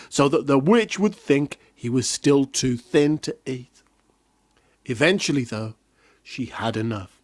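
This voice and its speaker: A man's voice: on the high side, dry recording, studio quality. A man reading a children's fairy tale aloud in a playful way with jokey asides. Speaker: storyteller.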